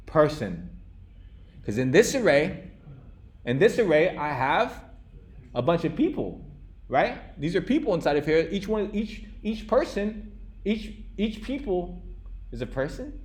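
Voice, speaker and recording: An American coding instructor, a young man with a sing-song voice on the high side, teaches a live classroom lesson. He speaks unhurriedly and casually, pausing often, restarting frequently, and checking in with "okay?" and "right?"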